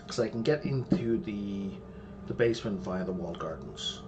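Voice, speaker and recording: This streamer has a fairly low voice and talks at a normal speed against a noisy background with game music. Playing a mystery game, he thinks aloud casually, mutters to himself, and explains history as part of his let's-play commentary.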